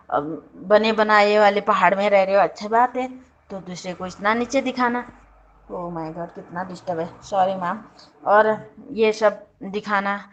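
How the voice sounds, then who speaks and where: A woman's voice: mid-range voice, highs cut off. A woman giving opinionated casual commentary as a video commentator, sarcastic and indignant, often breaking off and correcting herself. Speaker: YouTube show commentator.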